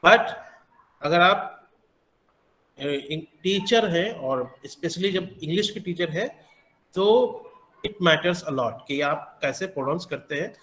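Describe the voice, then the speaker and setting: A man teaching English pronunciation, explaining slowly with many hesitant pauses. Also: a little high, bright, forceful tone, roomy sound. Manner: slow, halting, many filler pauses. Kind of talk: explanatory classroom lesson.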